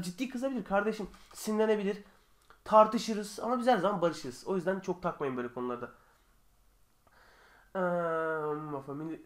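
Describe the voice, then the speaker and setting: A young man answering viewer questions in a casual vlog from his bedroom, chatty and joking, sometimes getting heated. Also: high voice. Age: young adult. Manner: chatty, joking, quick shifts between calm and heated.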